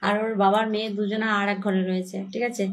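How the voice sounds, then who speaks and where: A woman's voice: medium pitch, flat delivery, quick pace, a little hiss or hum. Chatty woman livestreaming from home. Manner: chatty, shaken and frightened. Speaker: livestream host. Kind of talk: casual livestream chat. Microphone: phone.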